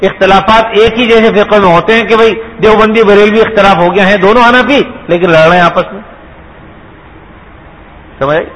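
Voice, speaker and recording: A man's voice: high voice, fairly bright tone, poor audio. A man giving a sermon, explaining patiently and asking his listeners rhetorical questions. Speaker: Islamic preacher.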